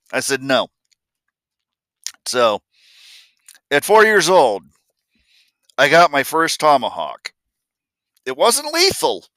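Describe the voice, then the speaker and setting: An older man from Ohio tells a family story in a blunt, folksy way and takes his time over it. His voice is bright and clear and swings widely in pitch, recorded close and dry. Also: dry recording. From Columbus, Ohio, USA. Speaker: vlogger. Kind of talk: personal storytelling.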